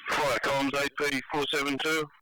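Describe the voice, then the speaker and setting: A man's voice: mid-range voice, flat delivery, moderate pace, pushed and bright, clear, resonant tone, poor audio. A man working as an emergency dispatcher, speaking in a matter-of-fact, procedural way over two-way radio.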